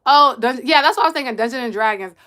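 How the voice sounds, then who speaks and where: A woman's voice: sits high, lively intonation, quick pace, sharp tone. A woman hosting a casual live stream, chatting and laughing as she answers viewers' comments. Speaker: livestream host and kids' coach.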